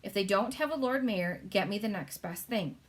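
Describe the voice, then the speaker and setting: An imperious queen from a storybook, as a woman reader puts her on. She is brisk and testy, speaking formally and giving orders as if used to being obeyed. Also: mid-range voice, lively intonation, lightly acted. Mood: commanding. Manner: commanding, formal.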